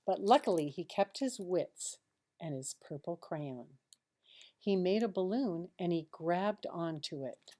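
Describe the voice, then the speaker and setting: Woman, teacher reading a picture book to children: lowish, dark mellow tone, expressive delivery with pauses and confiding asides. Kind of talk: children's storybook read-aloud with asides.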